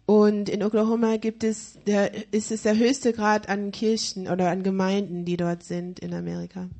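Female live interpreter at a church service, hesitant, restarts often, mid-pitched voice. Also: little pitch movement, moderate pace, gravelly, dark tone. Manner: hesitant, many fillers and restarts while searching for words.

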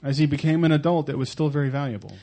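A man from Oklahoma preaching a sermon in short, earnest phrases, pausing so an interpreter can follow. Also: a little high, fairly even intonation, warm tone. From Oklahoma, United States. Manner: earnest, pausing after each phrase, occasional stumbles.

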